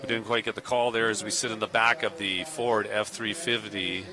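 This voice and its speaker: A man's voice: lowish voice, level tone, moderate pace, a crowd in the background. A man doing play-by-play of a roller derby bout from a parked truck at the venue, easygoing and conversational. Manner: easygoing, with small restarts. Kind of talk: live sports play-by-play.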